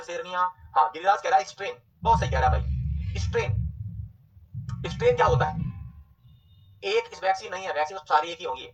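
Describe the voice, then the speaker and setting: A man teaching a nursing exam class, repeating terms slowly and quizzing his students. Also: sits high, a bit bright, recorded from a distance, dull audio. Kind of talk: online exam coaching lecture.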